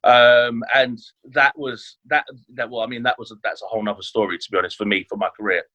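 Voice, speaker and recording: A fast-talking man with a medium-pitched, steady voice that sounds pushed and bright chats as a podcast guest about his chef career, with many fillers and restarts. He was born in Leeds and grew up in London, and the sound is lo-fi.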